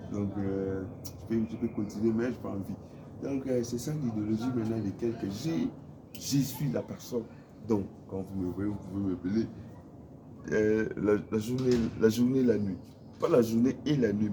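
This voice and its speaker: A man vlogging from his home in a casual, halting way, repeating words and filling pauses as he explains. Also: deep voice, noisy background. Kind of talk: casual talk to camera.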